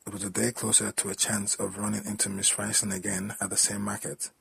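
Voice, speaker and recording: A man reading a story aloud in a plain, steady storytelling manner. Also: on the low side, fast talker, vocal fry, a little hiss or hum, rough recording. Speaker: story narrator.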